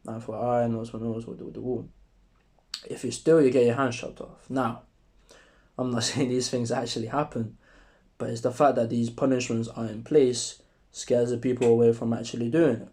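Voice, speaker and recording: A vlogger, a young man with a sore, strained throat, rambles casually to the camera in a profane monologue. He stays relaxed and deliberately tries to keep his voice deeper.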